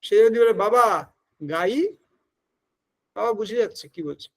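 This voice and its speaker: A man's voice: sits high, racing, gravelly, warm tone. A male teacher giving an exam-prep lecture, explaining step by step, dropping in English terms and checking that his students follow.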